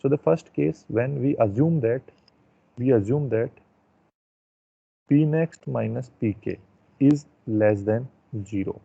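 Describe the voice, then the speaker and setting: Slow Indian man, gravelly, on a tinny headset mic. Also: medium pitch. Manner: slow, drawn-out explaining with frequent check-ins. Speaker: teacher. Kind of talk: online class lecture.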